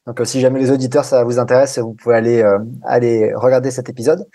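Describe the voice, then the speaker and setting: A man hosting a podcast, reading a scripted explanation and then interviewing a guest in a clear, measured way. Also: medium pitch, level tone, warm tone. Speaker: podcast host.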